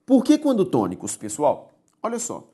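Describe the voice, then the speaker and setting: A woman with a low, mellow voice teaches a recorded grammar lesson. She explains patiently, repeating key words and pausing to check that her students follow. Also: huge pitch swings, breathy edge.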